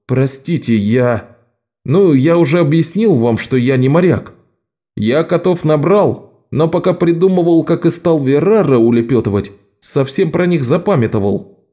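A man voicing a desperate, quick-talking male con man in an audiobook, pleading and insistent. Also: fairly high pitch, animated, warm tone, pitched above the performer's own voice, lightly acted. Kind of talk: audiobook character voice.

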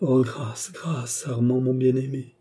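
A man's voice: on the low side, lively intonation, unhurried, warm tone, slightly rough. A man voicing a frightened young noblewoman in an audiobook, speaking with raised, urgent pleading.

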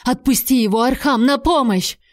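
A woman voicing a scheming, haughty older noblewoman who is mocking and venomous, going shrill when frightened. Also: moderate pace, warm tone, no room sound, clean studio sound, close to an everyday voice. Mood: frightened pleading.

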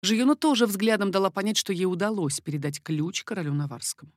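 A woman narrating a historical novel as an audiobook, with even, expressive storytelling. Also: medium pitch, fairly quick, dry recording, studio quality.

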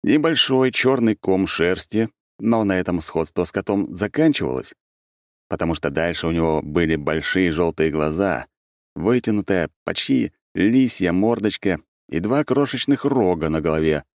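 A man reads an audiobook in the first person with a deep voice. His delivery is expressive and ironic, with a pitch that rises and falls freely, and the sound is dry and close to the mic. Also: moderate pace, no room sound. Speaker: audiobook narrator. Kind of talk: scripted first-person narration.

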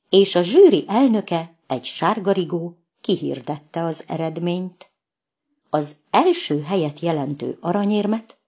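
A woman narrating a children's storybook in a low, animated voice. She tells the story expressively, with wide swings in pitch. The recording sounds a little dull. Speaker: audiobook reader.

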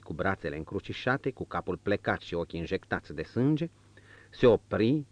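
A man narrating an audiobook in a dramatic, expressive reading, in a dull, dry recording. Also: deep voice, no room sound. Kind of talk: scripted narration.

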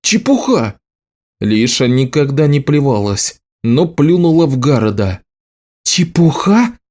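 A man narrating an audiobook in a steady storytelling delivery. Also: medium pitch, normal speed. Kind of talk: scripted narration.

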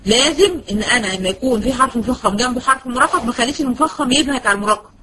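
Woman, egyptian arabic accent, quran teacher, bright higher voice, patient, faint hiss. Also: low-quality recording. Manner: patient, slows to a crawl when demonstrating words. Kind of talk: online Quran lesson.

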